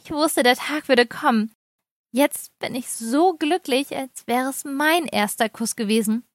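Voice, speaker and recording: A woman's voice: high-pitched, unhurried, no echo, studio quality. A woman voicing a giddy, overexcited mother who teases and gushes. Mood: gushing. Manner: giggly, overexcited, teasing. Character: excitable gushing mother, woman.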